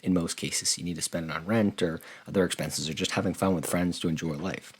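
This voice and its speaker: A man's voice: sits low, steady tone, brisk, breathy edge. A man hosting a personal finance channel, explaining figures from a spreadsheet in an earnest, conversational way. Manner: earnest, conversational, repeats words when rephrasing. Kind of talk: casual explainer walking through a spreadsheet.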